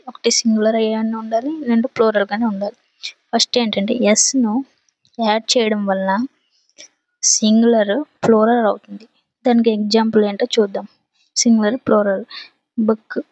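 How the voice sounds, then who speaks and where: A woman's voice: fairly high pitch, darkish tone, no room sound, poor audio. A woman with a Telugu accent explaining an English grammar lesson, going step by step through examples.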